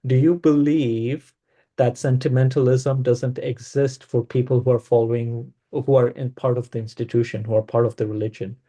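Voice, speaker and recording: A man with a warm, dark tone leads a casual spiritual discussion. He pauses and restarts often, working his way through each point with fillers. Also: mid-range voice, level tone. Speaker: discussion presenter.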